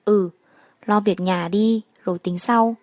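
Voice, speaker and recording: A curt shop manager in a spoken story, voiced by a woman. He talks in a brisk, matter-of-fact way at a middle pitch, and the recording is dry and close. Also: fairly even intonation, darkish tone, dry recording, lightly acted.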